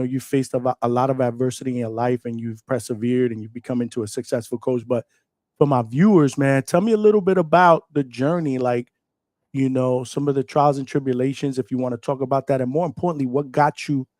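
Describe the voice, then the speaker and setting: A man's voice: medium pitch, brisk, a little mellow, no room sound, clean studio sound. A man hosting a live call-in show, asking questions in easygoing street talk and often saying "right" and "man.". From Brooklyn, New York. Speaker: host.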